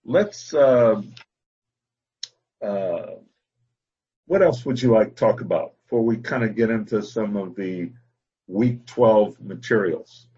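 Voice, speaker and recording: Husky-voiced man coaching slowly. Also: lowish voice, expressive, warm tone, highs cut off. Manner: conversational, repeats "exactly" and "you know". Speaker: business coach. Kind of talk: coaching session on a call.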